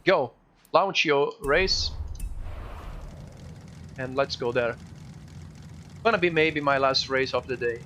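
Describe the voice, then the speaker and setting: A man live streaming a racing game, chatting casually with his viewers in halting, non-native English. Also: medium pitch, fairly bright tone, slight background noise. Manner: chatty, addresses viewers directly. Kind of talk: casual chat while gaming.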